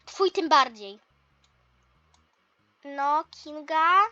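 A patient male math teacher walks his class through compass drawings step by step, teasing gently now and then, as a woman voices him. The voice sits high. The recording is dull and lo-fi. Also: very slow, no echo, soft background music, exaggerated voice. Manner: explains step by step, mildly teasing. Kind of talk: toy role-play lesson.

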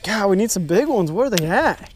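Excitable high-voiced young man fishing outdoors. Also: fairly quick, a little hiss or hum. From Texas. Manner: excitable, talks to viewers while fishing. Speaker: fishing vlogger. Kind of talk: casual first-person fishing commentary. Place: kayak on an open lake outdoors. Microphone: head-mounted action camera.

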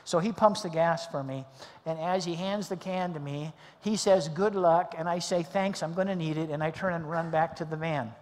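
A middle-aged male pastor preaching a sermon, telling a story in a lively way and acting out the dialogue. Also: a little high, moderate pace. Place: church sanctuary. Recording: long church hall reverb.

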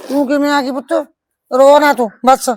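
A woman's voice: high-pitched, little pitch movement, normal speed, darkish tone, no room sound, lightly acted. A middle-aged woman playing a firm, caring village mother who scolds and comforts her daughter in a rural family drama. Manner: scolding yet comforting, blunt.

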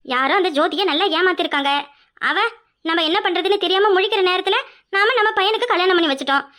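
A woman's voice: very high-pitched, fast talker, pushed and bright. A woman voicing a scheming, meddling older sister-in-law with a sneering, suspicious way of talking and a Kanyakumari Tamil accent.

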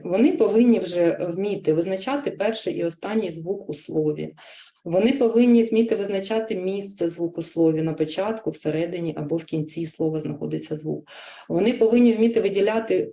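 A woman speech therapist giving a webinar talk for parents and teachers, explaining at a measured pace with frequent filler sounds. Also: medium pitch, warm tone. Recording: livestreamed webinar.

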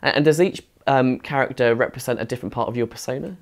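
A man's voice: medium pitch, fast. A young man conducts an interview. He puts his questions casually and in a friendly, conversational style. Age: young adult. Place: theatre dressing room, indoors. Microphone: lapel mic.

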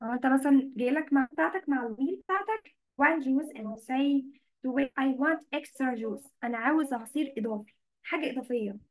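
An Egyptian woman with a high, bright-sounding voice teaches English words to children over a video call. She switches between Arabic and English and keeps asking if everyone follows. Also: fairly quick. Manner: mixes Arabic and English, checks in often with students. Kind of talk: online class explaining vocabulary.

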